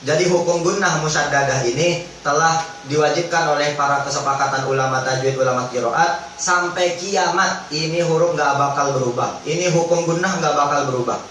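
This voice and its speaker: A man teaching Quran recitation rules in a religious study lesson, explaining in relaxed everyday speech and chanting drawn-out recited examples. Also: a little high. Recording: echoey hall, distant mic, faint background noise.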